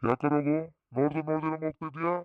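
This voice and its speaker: A man playing a chatty, friendly village neighbor in a family cartoon story, with quick banter. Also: fairly high pitch, flat delivery, clean tone, narrow, tinny audio, lightly acted.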